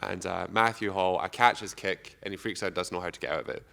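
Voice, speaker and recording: A Scottish man tells gym stories with animated energy. His voice rings with a long hall reverb. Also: sits low, fast, vocal fry. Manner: animated storyteller. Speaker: martial arts coach. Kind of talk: casual chat. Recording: reverberant room.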